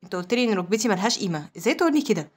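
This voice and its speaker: A woman with an Egyptian accent voicing a proud, hot-tempered young orphan woman, snapping back with sharp, indignant retorts. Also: mid-range voice, animated, racing, natural voice. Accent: Egyptian Arabic.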